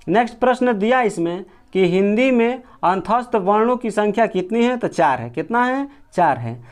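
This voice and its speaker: A man teaching a grammar lesson, going through exam questions one by one, repeating each answer back as a question. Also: high voice. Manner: repetitive, drills answers with rhetorical questions; colloquial with regional words like gō.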